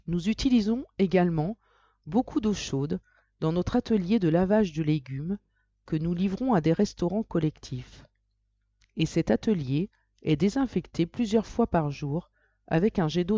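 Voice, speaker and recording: Someone reading articles out like dictating, mellow soft voice, kinda dull lo-fi sound. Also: mid-range voice, expressive, measured pace, no room sound. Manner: dictating, speaking punctuation and layout marks aloud. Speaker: reader of a magazine for audio listening. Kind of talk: scripted reading aloud of articles.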